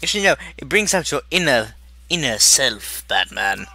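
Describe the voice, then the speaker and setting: A woman's voice: extremely low pitch, very animated, normal speed, gravelly, pushed and bright, slightly rough, exaggerated voice. A woman doing the Joker, cackling and unhinged. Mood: gleeful, unhinged. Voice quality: cackling, crude, theatrical. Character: manic giggling male villain clown. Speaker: video reactor in character. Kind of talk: in-character reaction commentary.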